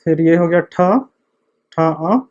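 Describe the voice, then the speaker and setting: A man giving an online video lecture, explaining slowly and step by step while he writes. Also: fairly high pitch, darkish tone, muffled recording. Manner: slow, step-by-step explaining, repeating the same check word. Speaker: teacher of a script.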